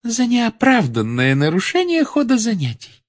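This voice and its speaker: A man's voice: high-pitched, sing-song, moderate pace, a little mellow, husky, pitched above the performer's own voice, exaggerated voice. A man voicing a prim, coldly polite female school inspector with a silky, cloying manner in an audiobook. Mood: cold, sugary. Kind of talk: audiobook character voice.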